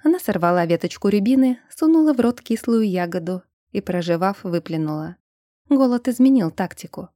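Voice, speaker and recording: Woman narrating with a dark mellow voice. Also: mid-range voice, lively intonation, fairly quick, no echo, studio quality. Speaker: audiobook narrator. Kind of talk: scripted narration.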